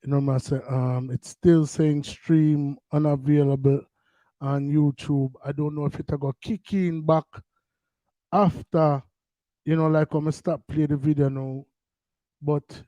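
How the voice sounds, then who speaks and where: A man's voice: a little high, flat delivery, a little slow, mellow, no room sound, highs cut off. A man with a Jamaican Patois accent, hosting a live stream in a loose, rambling way with lots of fillers and restarts. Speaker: podcast host. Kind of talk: casual live stream talk.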